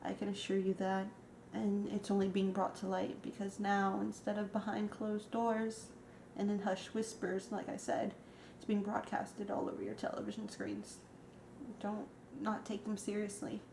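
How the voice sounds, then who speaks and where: A woman talks to her camera in a rambling, emotional way, full of fillers and trailing thoughts. Her pitch is middling, and the room around her rings with echo while a faint background noise sits under her voice. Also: moderate pace, creaky, darkish tone. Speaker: vlogger. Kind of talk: casual vlog. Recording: echoey room.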